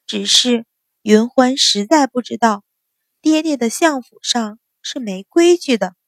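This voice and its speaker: A woman voicing a calm young eldest daughter, cool and faintly mocking. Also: a little high, measured pace, dry recording, clean studio sound. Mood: cutting.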